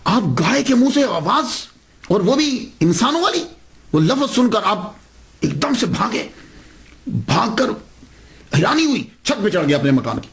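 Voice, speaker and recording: A man's voice: high-pitched, very animated, gravelly, fairly bright tone. A man telling a saint's story as a sermon, acting out the dialogue with big swings in his voice. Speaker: Islamic preacher.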